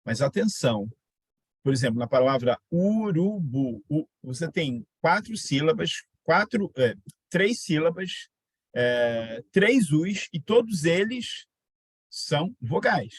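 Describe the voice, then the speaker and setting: A man's voice: on the high side, big pitch swings, takes it slowly, breathy edge, no echo. A man teaching a grammar lesson, repeating example words and quizzing his students. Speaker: Portuguese teacher. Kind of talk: online exam-prep grammar lesson.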